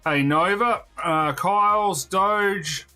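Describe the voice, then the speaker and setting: A man with a hoarse, fading voice, chatting casually on a game live stream and greeting viewers as he plays. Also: high voice, takes it slowly, sharp tone, soft background music. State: hoarse, losing his voice.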